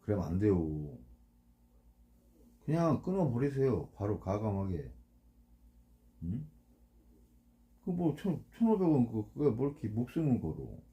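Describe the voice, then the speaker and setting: Blunt, lively-voiced man, dark tone. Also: fairly low pitch, unhurried, long pauses. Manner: blunt, colloquial, keeps asking "응?" for agreement. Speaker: fishing boat captain. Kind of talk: casual instructional talk.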